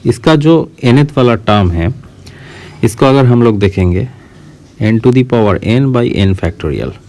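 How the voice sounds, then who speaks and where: A man's voice: mid-range voice, expressive, a little mellow. A man with an Indian accent teaching a math lecture, moving between Hindi and English and explaining step by step, checking in with his students as he goes. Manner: mixes Hindi and English, slow deliberate explaining, checks understanding.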